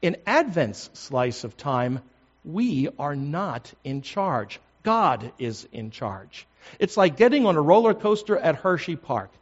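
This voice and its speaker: An older man, a pastor, preaching a sermon in a measured, deliberate way, stressing words one by one. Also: a little high, very animated, husky, muffled recording.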